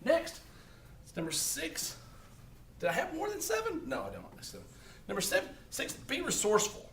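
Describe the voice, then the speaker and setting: Bright, lively-voiced man giving blunt advice. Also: very high voice, normal speed, a little hiss or hum. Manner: blunt and profane, with lots of "okay?" tag questions. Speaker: social media advice vlogger. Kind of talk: casual advice talk to camera.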